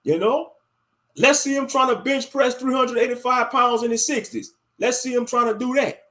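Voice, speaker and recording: This man speaks at a very high pitch with a steady, bright, forceful tone and a moderate pace. He's a livestream host from Louisiana, United States, with the accent to match, reading viewer comments in casual, colloquial commentary and repeating phrases for emphasis.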